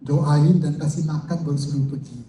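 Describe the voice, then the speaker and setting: Older pastor guy preaching, high mellow voice, jokes around with the crowd, mic kinda far. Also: normal speed, slight background noise. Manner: lively, jokes with the congregation and calls out to them. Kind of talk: sermon. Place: church hall. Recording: echoey hall, mic from far off.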